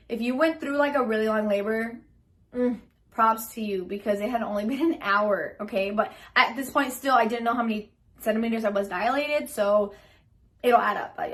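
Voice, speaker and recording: A woman's voice: a little high, fairly bright tone. A young woman casually telling a personal story in a chatty, rambling way, full of fillers, acting out what she said. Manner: chatty and rambling, full of ums and likes, acts out her own lines. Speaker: vlogger telling her birth story.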